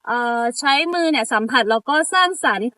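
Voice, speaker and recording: A woman's voice: on the high side, lively intonation, fast talker, sharp tone, dry recording. A young woman hosting an event, announcing booth activities politely with small fillers as she reads. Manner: polite, with fillers while reading booth details.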